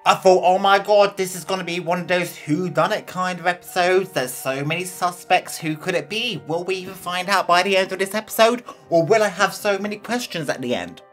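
A young British woman with a fairly low voice gives a casual, animated episode review. She chats expressively and swears freely, with faint music underneath. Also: brisk, hardly any pauses. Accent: British English. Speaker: reaction video host.

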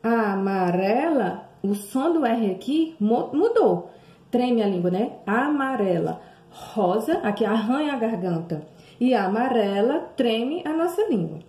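A Brazilian woman teaching young children, drawing words out slowly and sing-song, with many questions to the class. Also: a little high, sing-song, mellow. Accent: Brazilian Portuguese. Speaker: primary school teacher. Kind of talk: remote lesson for young children. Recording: echoey room.

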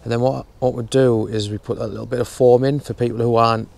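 A young man explaining his fishing setup in a relaxed, step-by-step way while outdoors at a lake. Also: mid-range voice, quick pace, vocal fry. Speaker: fishing vlogger. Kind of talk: casual how-to narration. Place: outdoors at a lakeside bank.

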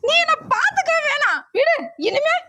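A woman's voice: very high voice, big pitch swings, normal speed, sharp tone, full character voice. A woman acting in a short drama as a married mother who pleads and refuses a man who wants to marry her. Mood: angry. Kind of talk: short social drama skit.

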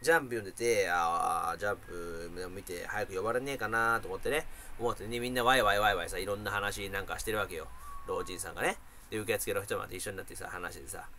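A man live streaming and telling a story in a rough, joking, casual way, laughing a lot as he talks. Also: fairly low pitch, fast talker, bright, forceful tone, a little hiss or hum.

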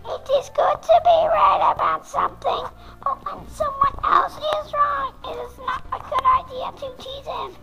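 Lady playing a wise old granny squirrel, high and lively, caring but firm. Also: a little slow, creaky, soft background music, exaggerated voice, poor audio.

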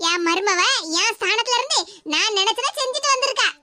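This is a woman performing an animated village aunt, middle-aged, proud and kind, in the Tirunelveli-Kanyakumari dialect of southern Tamil. She sounds dramatic, affectionate and comforting, with a very high voice at a moderate pace, and the background is noisy.

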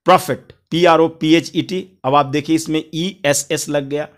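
Male online tutor, fairly high voice, patient, repetitive, spells words aloud letter by letter. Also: steady tone, unhurried. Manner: addresses viewers as friends, repeats each point. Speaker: English teacher. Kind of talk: Hindi grammar lesson.

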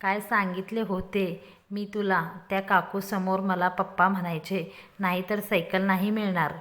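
A woman's voice: mid-range voice, level tone, moderate pace, a bit bright, close to an everyday voice. A woman voicing a playful, scheming young man who talks in a teasing, mock-dramatic way.

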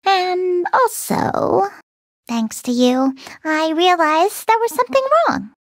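A high, cutesy girl cookie conductor in a game. She is playful and breezy, with very lively swings in pitch and an unhurried pace. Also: no room sound, clean studio sound, full character voice. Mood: carefree. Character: playful, carefree young female cookie train conductor. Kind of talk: video game cutscene voice acting.

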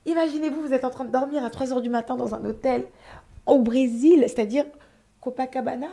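A woman's voice: high voice, brisk, vocal fry. Dramatic woman telling a live story. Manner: dramatic, animated, swears freely, addresses her audience. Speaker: storyteller host of a live stream.

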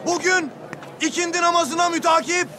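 High-pitched, elated town-crier inventor. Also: male voice, steady tone, moderate pace, some chatter behind. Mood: elated, proclaiming. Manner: loud, declamatory public announcing. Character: excited bearded Ottoman inventor proclaiming to a crowd. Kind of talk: town-crier proclamation in period drama.

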